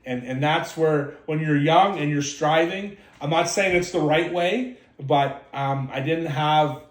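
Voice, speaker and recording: A man's voice: a little high, measured pace. A man from Canada hosting his own show, telling personal stories in a candid, rambling way with many fillers. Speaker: podcast host. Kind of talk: casual storytelling monologue. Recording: echoey room.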